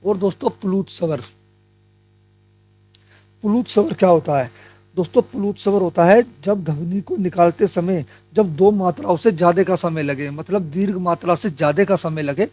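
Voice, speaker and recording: Young guy teaching hindi grammar, fairly high voice, asks questions then answers them himself, calls everyone friends. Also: normal speed, mellow. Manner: explains step by step, asks and answers his own questions; addresses viewers as friends. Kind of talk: exam-prep lesson.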